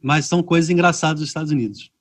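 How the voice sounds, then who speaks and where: This Brazilian podcast host, speaking with a Brazilian Portuguese accent, talks very fast in a fairly high voice. Recorded with clean studio sound and no echo, he tells stories casually over a video call. He's animated and acts out reactions as he goes.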